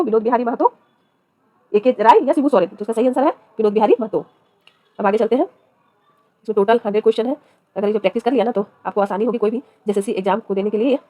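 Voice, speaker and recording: A woman's voice: a little high, a little mellow, dry recording. A woman teacher reads exam practice questions, then gives each answer, switching between a regional dialect and standard Hindi. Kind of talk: reading quiz questions and giving answers.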